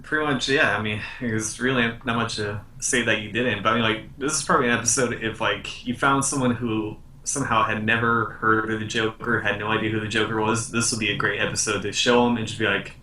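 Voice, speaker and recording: Young man, podcast co-host, casual, hedging, agreeable, lowish bright voice, distant roomy sound. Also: fairly even intonation, a little fast, few pauses, a little hiss or hum. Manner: hedging, agreeable, many "I mean". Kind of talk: casual chat. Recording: roomy, away from the mic.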